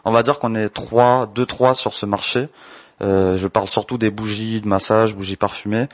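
A man in his twenties from French Guiana, answering interview questions about his business in a measured, explanatory way. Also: fairly low pitch, little pitch movement, dry recording. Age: 20s. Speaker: entrepreneur, candle maker.

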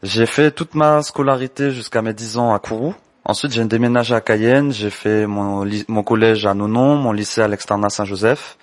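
A man in his twenties from French Guiana, answering interview questions about his business in a measured, explanatory way. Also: fairly low pitch, no room sound. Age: 20s. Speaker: entrepreneur, candle maker.

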